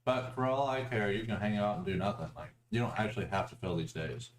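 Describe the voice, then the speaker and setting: Animated man running a tabletop game. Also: fairly low pitch, quick pace. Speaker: game master. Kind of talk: casual tabletop game narration. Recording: echoey room with noise.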